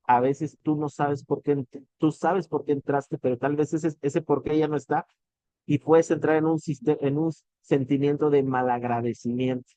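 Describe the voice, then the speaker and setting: A man's voice: a little high, fairly even intonation, moderate pace, mellow, dry recording. A man with a Mexican accent giving an earnest motivational talk, addressing the listener directly and swearing casually. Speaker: motivational business speaker.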